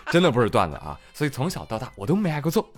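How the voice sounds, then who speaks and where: A man's voice: mid-range voice, wildly swooping pitch, fast, heavy background noise. A man hosting a casual show, reading out listener comments and teasing them playfully. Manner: playful, teasing, laughs often. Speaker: host.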